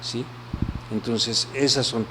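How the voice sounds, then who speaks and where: A man explains hearing problems as a guest in an interview. He talks in a patient, explanatory way at a medium pitch. A faint background noise runs under his voice. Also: fairly even intonation, takes it slowly, bright, forceful tone. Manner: explanatory, checks in with "¿sí?". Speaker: audiologist guest. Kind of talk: interview answers.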